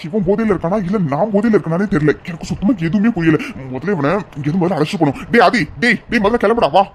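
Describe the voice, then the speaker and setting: Cartoon: man voicing a bewildered young male best friend; high, fretful, exasperated. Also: animated, very fast, slight background noise. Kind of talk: cartoon voice acting.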